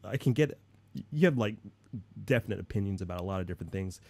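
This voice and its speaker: A man hosting a casual livestream chat, excitable and loose, calling his guest dude and swearing freely. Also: deep voice, fast. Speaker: show host.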